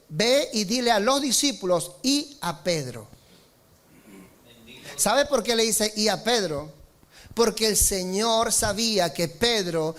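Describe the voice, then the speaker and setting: Male pastor mid-sermon, high pitch, emphatic, calls for amens. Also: fairly bright tone. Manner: preaching with rises in pitch and slowed emphatic lines, asking the congregation for amen.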